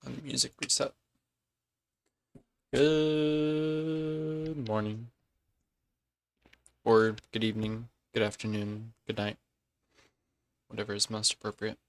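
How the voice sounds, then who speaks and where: A man's voice: fairly low pitch, level tone, fairly quick, vocal fry, a bit bright, dry recording. A man streaming a game and chatting casually, rambling and correcting himself as he goes. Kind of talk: casual live-stream chat.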